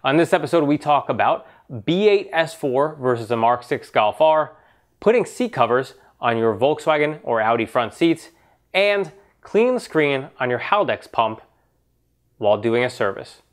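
Male host, mid-pitched, nasal from a lingering cold, casual conversational Q&A delivery with plenty of fillers and restarts. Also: expressive, normal speed. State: nasal from getting over a cold. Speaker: show host answering car questions. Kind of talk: casual talk-show Q&A.

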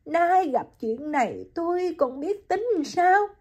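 A woman's voice: big pitch swings, measured pace, darkish tone. A woman voicing a heartbroken young mother in an audiobook, speaking in a choked, pleading way. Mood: distraught. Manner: choked, pleading and high-pitched.

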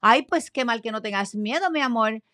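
Woman quoting a brisk, coaxing TV presenter. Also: a little high, expressive, sharp tone, dry recording, studio quality. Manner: coaxing, insistent. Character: brisk adult female TV show presenter.

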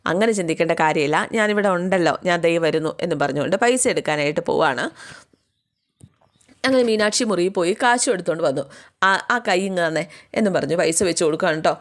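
A woman's voice: on the low side, animated, quick pace. A woman casually retelling a TV serial's plot, chatty and acting out the characters' lines herself. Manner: chatty, with tags like "you know" and playful voices for the characters.

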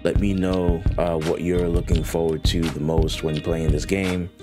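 A man casually reacting to a game trailer, excited and slangy, rambling with frequent restarts. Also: sits low, measured pace, music in the background. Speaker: gaming YouTuber reacting to a trailer.

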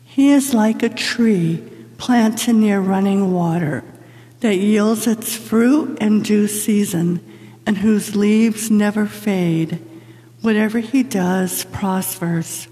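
A woman reads scripture at a lectern, slow and unhurried in a solemn, measured way. Her voice is mellow and soft-edged, and the long reverb of a big church hangs after every phrase. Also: medium pitch. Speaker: lector. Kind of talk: liturgical scripture reading. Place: large church sanctuary. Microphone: lectern microphone from a far camera.

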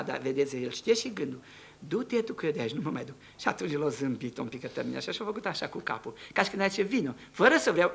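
Gravelly high-voiced male preacher. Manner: animated storytelling, swings between hushed and shouting. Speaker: preacher giving testimony. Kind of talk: sermon testimony. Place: church.

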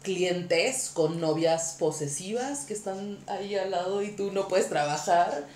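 A woman hosting a podcast, telling a story in a lively, casual way with frequent laughter. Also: lowish voice, unhurried, echoey room. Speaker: podcast host.

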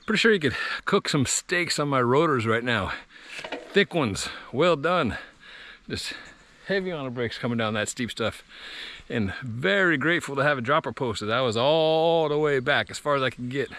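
A man's voice: mid-range voice, animated, moderate pace, fairly bright tone, slight background noise. A man in his forties giving a casual, conversational product review outdoors, with wry asides. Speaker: bike reviewer. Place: outdoors beside trees and trails.

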